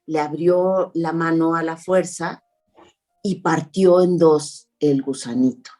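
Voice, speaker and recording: Woman oral storyteller, low warm voice, expressive, faint music bed. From Mexico. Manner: expressive, measured, acts out the dialogue. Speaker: actress and oral storyteller, guest.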